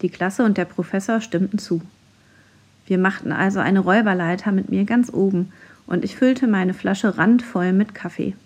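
Breathy woman reading a children's story. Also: mid-range voice, moderate pace, a little mellow.

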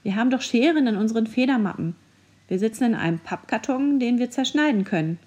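An eager little schoolboy from a children's story who rallies his friends, as a woman reader puts him on. He speaks quickly and with urgency, a little higher than normal. The tone stays warm and mellow. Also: expressive. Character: bold little schoolboy, quick-thinking leader.

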